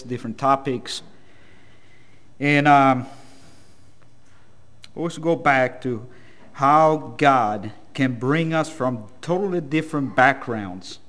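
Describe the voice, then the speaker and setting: A Salvadoran man with a Salvadoran Spanish accent preaches a sermon in a plain-spoken, somewhat hesitant, self-deprecating way. His voice sits at a medium pitch with a fairly bright tone.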